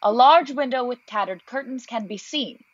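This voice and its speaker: A woman's voice: a little high, moderate pace, highs cut off, very noisy. A woman narrating, reading stage directions from a script.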